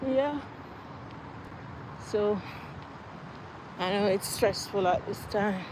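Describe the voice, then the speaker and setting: Winded Jamaican woman outdoors, slow and noisy. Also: mid-range voice. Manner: winded from walking, sighing. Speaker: livestream host. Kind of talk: casual live chat with viewers. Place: outdoors on a campus. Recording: noisy outdoor ambience with traffic.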